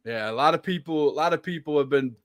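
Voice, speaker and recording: A man's voice: a little high, no room sound, studio quality. Chatty male talk show host. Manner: chatty, laughs easily, trails off in pauses. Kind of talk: casual online talk show chat.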